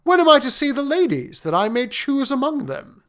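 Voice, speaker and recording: A man's voice: big pitch swings, a bit bright, heavily acted. A man reading a storybook, voicing a proud young foreign prince who talks in a fussy, indignant way. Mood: perplexed. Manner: high, quick, fussy and indignant.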